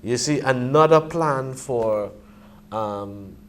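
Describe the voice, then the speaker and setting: Man explaining in a halting way. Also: mid-range voice. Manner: hesitant phrasing, often checks with "you see". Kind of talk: Rastafari reasoning, conversational explaining.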